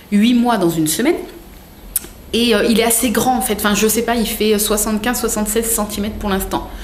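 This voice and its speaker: A woman's voice: mid-range voice, a little hiss or hum. Gushing young woman in a roomy room. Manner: gushing, chatty, full of fillers. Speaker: vlogger. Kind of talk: casual unboxing chat.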